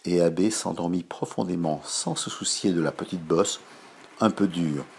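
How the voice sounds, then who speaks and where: A man softly reading a children's bedtime story, slow and hushed at times. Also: sits low, gravelly, a little hiss or hum.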